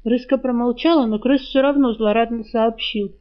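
Woman, audiobook narrator, steady storytelling, fairly high voice, dull lo-fi sound. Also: moderate pace. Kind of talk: scripted narration.

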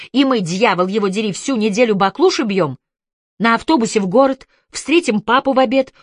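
A woman narrating a literary audiobook in a measured, expressive way. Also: mid-range voice, no room sound.

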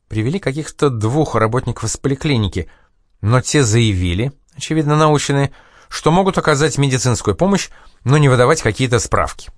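A man reading a memoir aloud as an audiobook narrator, in a measured and expressive way. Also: mid-range voice, no room sound, clean studio sound.

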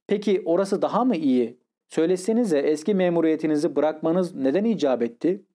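A smug, patronizing young officer who drawls every word, as a man reads him aloud. The voice sits a bit high, with a soft, mellow tone. It is a plain storybook reading. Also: brisk, lightly acted.

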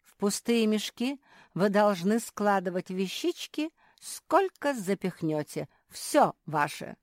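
For an audiobook, a woman performs a sly old male shopkeeper, pitching her voice above her natural one and using wheedling, ingratiating sing-song sales patter. She speaks slowly at medium pitch with lively intonation, in clean studio audio with no room sound.

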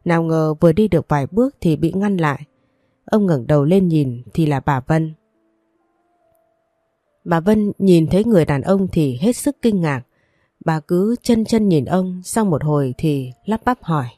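A woman narrates a story with a low, mellow voice and a steady, even reading. The recording is dry and close. Soft music plays faintly underneath. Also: no room sound.

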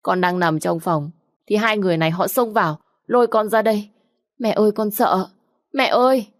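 A woman's voice: fairly low pitch, lively intonation, normal speed, a little mellow, no echo, studio quality. A woman reading a story aloud, voicing a spoiled young woman who cries on cue and pleads in a whiny voice. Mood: tearful pleading.

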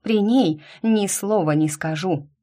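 A woman reading an audiobook and voicing a tearful young female student, with a high, shrill delivery. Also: slow, dark tone. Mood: sobbing demand.

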